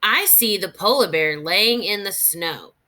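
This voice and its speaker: A woman's mid-range voice carries a deliberate, expressive read-aloud of a children's nonfiction title. As a teacher, she pauses to model her thinking for young learners.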